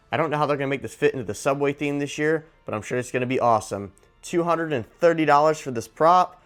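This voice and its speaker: A man's voice: mid-range voice, fairly bright tone. A man giving a casual hands-on unboxing and review narration as a video host.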